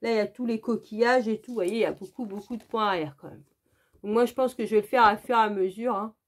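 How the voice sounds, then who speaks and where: A woman's voice: medium pitch, fairly even intonation, fast talker. A woman hosting her crafting channel, walking viewers through an unboxing in a casual, chatty way, full of "donc, euh" fillers and direct asides to the viewer.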